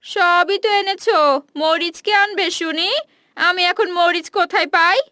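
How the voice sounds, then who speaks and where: A brisk, motherly village mum. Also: extremely high pitch, fairly even intonation, pushed and bright, dry recording, studio quality, full character voice. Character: village mother, busy and caring.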